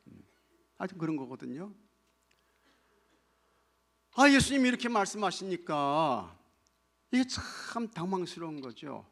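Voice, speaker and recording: A male pastor preaching a sermon. He swings between loud, emphatic lines and soft near-whispers, and keeps asking the congregation questions. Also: mid-range voice, vocal fry, slightly rough.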